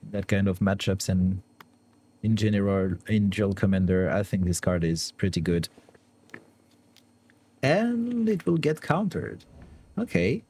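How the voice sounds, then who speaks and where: A man's voice: lowish voice, darkish tone, slightly rough. A young man with a French accent, a card game streamer thinking aloud through his plays, weighing options and often laughing. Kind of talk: thinking aloud while playing online.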